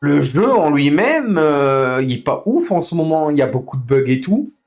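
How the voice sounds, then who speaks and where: A man's voice: a little high, very animated, normal speed, a little mellow. Fed-up man streaming, faint music behind. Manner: fed-up, complaining, repeats himself; slangy, informal. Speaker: livestreamer running an online racing league. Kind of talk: casual live stream chat with other players.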